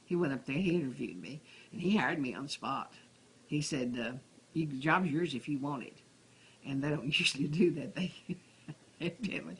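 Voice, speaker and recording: An elderly woman with a Texas accent, a retired schoolteacher reminiscing in a rambling, conversational way with restarted phrases. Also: low voice. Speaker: retired schoolteacher being interviewed. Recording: noisy room ambience.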